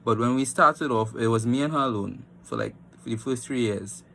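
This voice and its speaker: A young man giving a testimonial into a phone at home. His voice sits at a middling pitch and he halts often, fighting back emotion. A light hiss runs underneath. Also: gravelly, fairly bright tone. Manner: halting, holding back tears. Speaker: young man telling a family story.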